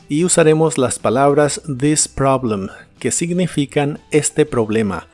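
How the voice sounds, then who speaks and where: A man teaching English to Spanish speakers in a scripted lesson, pronouncing each word slowly and carefully. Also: medium pitch, a little mellow. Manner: slow, careful model pronunciation of English words.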